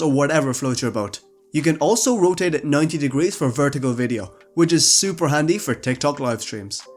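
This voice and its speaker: A young man with an upbeat, casual manner, giving a scripted tech product review with gamer slang. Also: on the high side. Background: faint background music.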